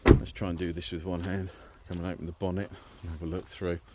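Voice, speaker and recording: This British vehicle owner has a low-sitting, level voice and talks fast while showing off an installation, casual and chatty, to a handheld camera or phone. The recording is very noisy.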